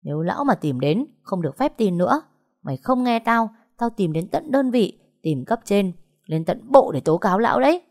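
A woman's voice: low voice, sing-song, unhurried, fairly bright tone, no echo, clean studio sound, exaggerated voice. A woman voicing a fierce, foul-mouthed young woman who scolds and threatens bluntly in a storybook reading. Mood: furious.

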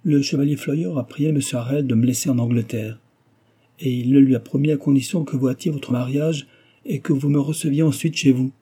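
A man's voice: mid-range voice, fairly even intonation, brisk, dark tone, breathy edge, pitched above the performer's own voice, close to an everyday voice. A man voicing a distressed married woman who eagerly begs for a favour in a read-aloud novel. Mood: pleading. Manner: eager and beseeching.

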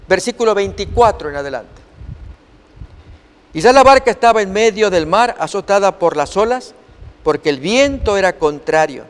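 High-voiced preacher in a reverberant hall. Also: male voice. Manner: reads scripture aloud and asks the listeners rhetorical questions. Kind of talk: sermon-style Bible teaching.

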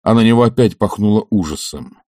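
A man narrating a classic novel as an audiobook in a measured, expressive reading. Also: on the low side, dry recording, studio quality.

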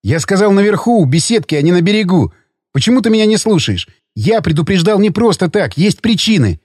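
Uneasy jealous husband, voiced by a male narrator, terse delivery, lively pitch, dry recording. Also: brisk, breathy edge, no room sound, heavily acted. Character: worried, jealous married man. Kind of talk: audiobook character reading.

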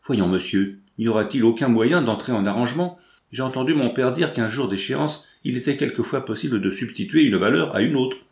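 A man voicing a bold, quick young woman who asks pressing questions, reading audiobook dialogue in a roomy space. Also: mid-range voice, animated, close to an everyday voice. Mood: eager.

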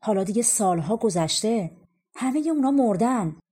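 A calm, knowing old man of a folk tale, read by a woman, giving grave warnings in a matter-of-fact way. The voice is warm and mellow with a breathy edge. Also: on the high side.

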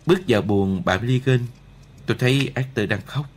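Steady male audiobook narrator. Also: medium pitch, a little hiss or hum. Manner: measured, steady storytelling. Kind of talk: first-person novel narration.

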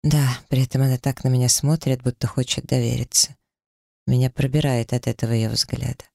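A man reads a first-person audiobook in an intense, brooding manner. His voice is gravelly and mid-pitched, and it is recorded dry and close with no room sound. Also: flat delivery, fairly quick, a little mellow, no room sound. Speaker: audiobook narrator.

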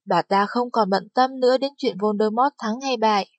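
Husky woman narrating an audiobook. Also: fairly high pitch, moderate pace, dry recording. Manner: steady storytelling delivery. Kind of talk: scripted narration.

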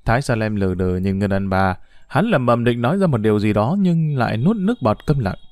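A man's voice: on the low side, expressive, a little fast, a little mellow, no room sound, clean studio sound. A man reading a crime novel aloud as an audiobook, shifting his voice for each character's dialogue. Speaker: narrator.

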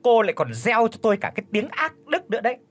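A man doing a shrill, spiteful old mother-in-law. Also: very animated, slightly rough, full character voice. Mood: scolding. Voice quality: shrill, sharp-tongued. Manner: scolding, fast accusing questions. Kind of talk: audiobook character voice.

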